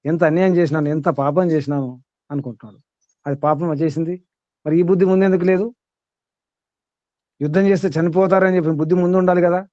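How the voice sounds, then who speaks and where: A man's voice: fairly high pitch, steady tone, quick pace, pauses often, dark tone, dry recording, muffled recording. A man teaching a spiritual discourse to students, asking them many rhetorical questions in an emphatic way.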